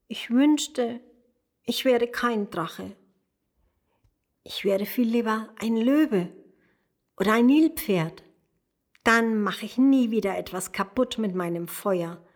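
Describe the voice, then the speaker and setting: A woman's voice: fairly high pitch, slow pace, long pauses. A woman voicing an earnest little boy dragon. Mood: sad wishing. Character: little boy dragon, sad then eager.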